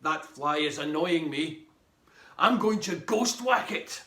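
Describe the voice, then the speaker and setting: A man's voice: fairly high pitch, animated, slow, bright, forceful tone, echoey room, full character voice. A man voicing an old male ghost grandfather who is gloomy but fond, in a storybook reading. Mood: annoyed.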